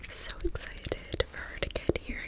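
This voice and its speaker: A young woman whispers a rambling, confiding ASMR monologue over nail tapping, sometimes repeating her words. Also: a little slow. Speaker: ASMR video host. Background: nail tapping on objects.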